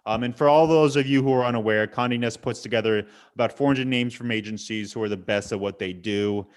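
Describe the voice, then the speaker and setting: A man's voice: mid-range voice, a little fast. A man hosting an online webinar interview, framing long loose questions and often repeating words as he goes. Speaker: webinar host.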